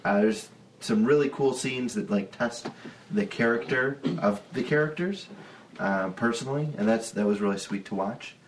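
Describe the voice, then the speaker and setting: A man's voice: medium pitch, normal speed, low-quality recording. Man, young adult, Buffalo New York accent, podcast co-host, casual rambling chat, frequent laughter, slight background noise. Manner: laughs often, rambling with restarts.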